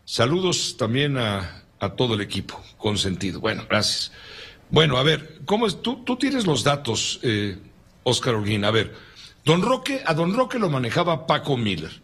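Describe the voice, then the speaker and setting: A male radio anchor with a Mexican accent and a slightly husky, breathy voice. He talks in a loose, joking way and wanders into asides between the news items. His voice sits at an ordinary middle pitch. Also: sing-song, normal speed, a bit bright. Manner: chatty, joking, digressive. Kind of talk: casual on-air chat, reading listener messages.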